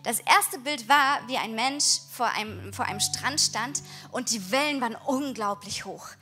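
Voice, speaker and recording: A woman's voice: fairly high pitch, normal speed, sharp tone, soft background music. A woman leading a worship night, preaching earnestly and encouragingly and reading scripture aloud in a church service. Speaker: worship leader. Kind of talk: devotional sermon during a worship night. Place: church service with music behind.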